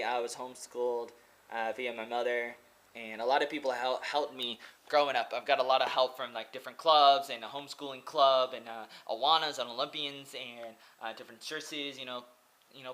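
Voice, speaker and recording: This is a casual monologue to camera from an Oregon-born American vlogger and English teacher in his twenties. His mid-range voice has a slight brightness, and he rambles earnestly with frequent "like"s and repetition, recorded close up on a laptop webcam in a small room.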